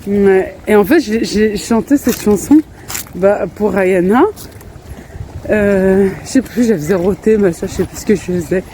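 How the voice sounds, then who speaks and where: Out in a park with her children, a woman in her thirties films a family vlog, her mellow, medium-pitched voice keeping a measured pace. She laughs frequently and keeps breaking off to address the kids, while faint outdoor street sounds linger behind her.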